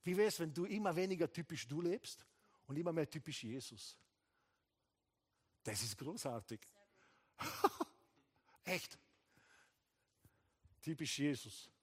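A man preaching a sermon as pastor, animated, acting out short dialogues and dropping English phrases into his German. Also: a little high, takes it slowly, pauses often, slightly rough. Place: church hall.

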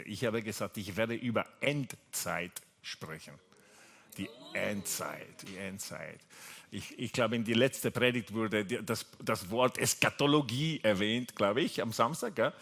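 Seated on stage with a microphone in a church hall, a pastor from Italy delivers a sermon in a mid-range, slightly bright voice marked by an Italian accent. His style is chatty, with many fillers and restarts, and he trades jokes with the congregation.

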